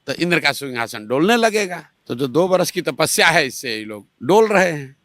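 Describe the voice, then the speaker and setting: Man, political interview, argumentative, bright tense voice, dry sound. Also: fairly high pitch, sing-song, moderate pace, no room sound. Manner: forceful, argumentative, rhetorical questions. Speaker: interviewee, party supporter.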